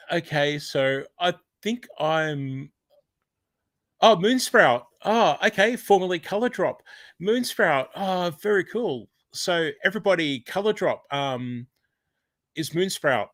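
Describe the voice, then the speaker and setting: A man's voice: fairly high pitch, dry recording. Chatty Australian man hosting a live stream. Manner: chatty, rambling, with many fillers and restarts; warm thanks to viewers, often exclaiming. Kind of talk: casual live chat reading comments.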